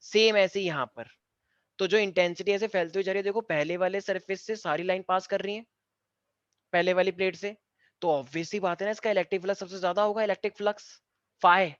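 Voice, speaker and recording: A man's voice: high voice, fairly even intonation, brisk, fairly bright tone, no echo. Teasing male physics teacher, dull recording. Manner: teasing, talks to students directly, mixes in English phrases. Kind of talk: classroom lecture. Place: classroom with students.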